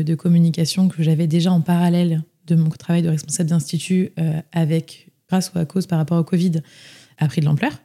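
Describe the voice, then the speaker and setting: As an interview guest, a young Frenchwoman chats about her own experiences, with frequent fillers and restarts. Her voice sits on the low side and sounds mellow.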